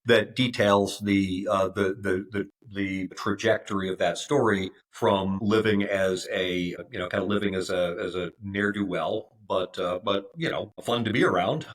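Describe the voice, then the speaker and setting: A man in his fifties, a podcast guest telling his story in a halting way, with many restarts and repeated words. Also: low voice, fairly even intonation. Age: 50s. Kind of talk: casual interview.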